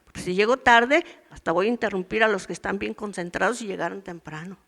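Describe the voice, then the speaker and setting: A woman's voice: medium pitch, quick pace, creaky, fairly bright tone. A woman in her sixties teaches a women's church meeting in a chatty, storytelling sermon, acting out everyday voices. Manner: conversational preaching, acts out voices from daily life and her past.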